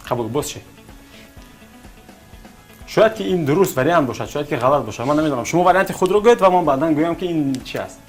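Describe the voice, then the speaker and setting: A man's voice: on the high side, lively intonation, pauses often, soft background music. A man with a Tajik accent hosting a TV quiz, coaxing the contestants and repeating their answers back to them. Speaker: quiz show host.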